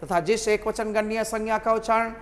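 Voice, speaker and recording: A man's voice: high-pitched, fairly even intonation, brisk, a bit bright, big-room sound. A man teaching a grammar lesson to students, repeating key points and calling them his children.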